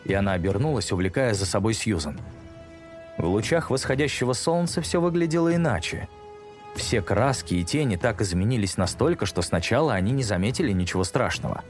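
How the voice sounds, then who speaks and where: A man narrating a children's story in a measured pace, slowing down for dramatic moments. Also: lowish voice, lively intonation. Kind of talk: audiobook narration. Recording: music bed under narration.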